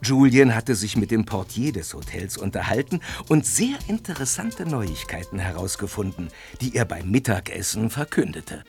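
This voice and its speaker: A man's voice: fairly low pitch, big pitch swings, moderate pace, few pauses, a little mellow, soft background music. A man narrating a scripted children's adventure audio drama.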